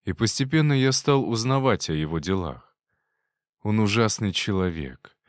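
Man reading as a scared young servant, hesitant, halting, low voice, close dry audiobook sound. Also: expressive, no echo, close to an everyday voice. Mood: confessing. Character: frightened young male servant confessing. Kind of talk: audiobook character voice.

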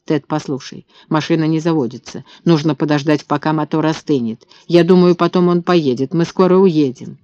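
A man voicing a frightened young mother who speaks in a hushed, anxious, soothing way, in a dull, dry recording. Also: a little high, moderate pace, few pauses, no room sound, close to an everyday voice.

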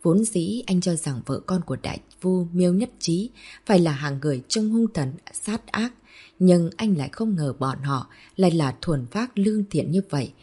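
A woman narrates a novel in a steady, even storytelling manner. Her voice is low and mellow. It has a noticeably husky, breathy grain. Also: moderate pace. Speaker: audiobook narrator.

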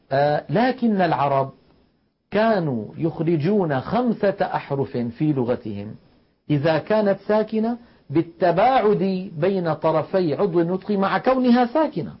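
A man teaching Quranic recitation rules, explaining slowly and demonstrating sounds aloud. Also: fairly high pitch, husky. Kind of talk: televised tajweed lesson. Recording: dull lo-fi broadcast audio.

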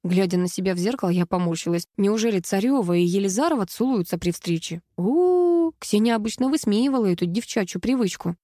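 Female audiobook narrator, expressive first-person read, mellow tone, dry close mic. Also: medium pitch, fast, few pauses, no echo.

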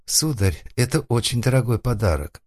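A man's voice: medium pitch, very animated, normal speed, a little mellow, no room sound, voice pushed up. A man voicing a proud, prim young woman who sighs, pleads and stands her ground, in a comic audiobook. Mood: flustered pleading. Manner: breathy, pleading, coquettish sighs. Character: proud young marriageable beauty, prim and coy.

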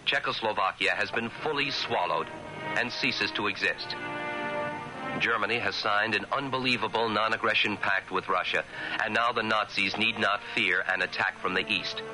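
A man's voice: on the low side, normal speed, over music, low-quality recording. A man reading scripted history narration in a grave, dramatic manner.

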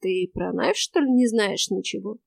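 Woman voicing a cracked quiet male ghost. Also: mid-range voice, no echo, natural voice. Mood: indifferent. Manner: flat, indifferent, slow. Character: weary male stranger spirit of the afterworld.

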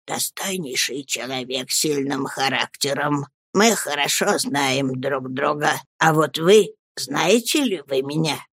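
A reader voicing a fat, cruel schoolmaster who can only speak in a strained, menacing whisper, in an audiobook reading. The lines come slow and pressed. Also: medium pitch, lively intonation, creaky, no echo, clean studio sound, full character voice.

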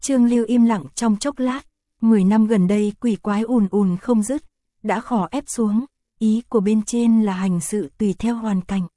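A woman narrating an audiobook chapter in an even, unhurried reading voice, voicing the characters' lines in her own voice. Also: mid-range voice, no echo, studio quality.

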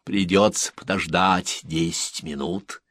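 A man voicing a small gentle alien who whispers kindly, in a storybook reading. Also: low-pitched, steady tone, slow pace, no echo. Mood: hushed kind.

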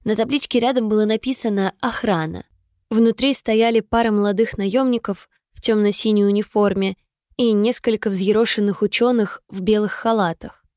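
Woman reading a novel out loud, steady even voice, mid pitch, dry close mic. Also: normal speed, dry recording. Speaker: audiobook narrator. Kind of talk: scripted first-person narration.

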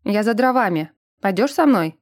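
A woman voicing a gruff, protective young man, blunt and bossy, in an audiobook. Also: mid-range voice, expressive, moderate pace, no echo, clean studio sound, natural voice. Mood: matter-of-fact.

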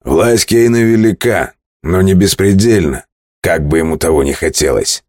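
A boastful ship captain booms out his brave words with a loud swagger, as a male reader plays him. His voice is pushed above the reader's very deep register, raised and forceful. The recording is close and dry. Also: normal speed, no echo, close to an everyday voice.

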